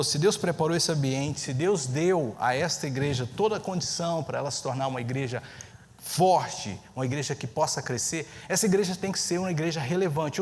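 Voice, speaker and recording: A man preaching a sermon as pastor, telling a story with lively pacing and acting out the people he quotes. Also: fairly high pitch. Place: church sanctuary. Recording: long church reverb, faint ambient noise.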